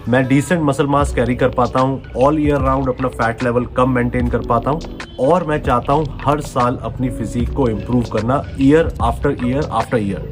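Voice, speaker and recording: A man's voice: mid-range voice, steady tone, unhurried. A man about to turn forty, a fitness coach giving an earnest, coaxing motivational talk and switching between Hindi and English phrases. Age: 30s. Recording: music playing underneath.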